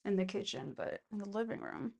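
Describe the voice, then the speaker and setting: This woman's medium-pitched, darkish voice carries a gravelly vocal fry as she talks briskly. She's doing chores and vlogging on her own, musing aloud in a casual, rambling chat.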